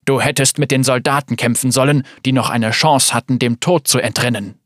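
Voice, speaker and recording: A man's voice: mid-range voice, fairly quick, fairly bright tone, no echo, studio quality, lightly acted. A man voicing a stern, grizzled general who growls clipped commands, in a storybook reading.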